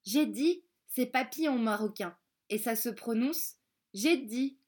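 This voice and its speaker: A woman reading a children's storybook in the first person of a schoolgirl, in a careful, gently spoken way. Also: fairly high pitch, measured pace. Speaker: storybook reader.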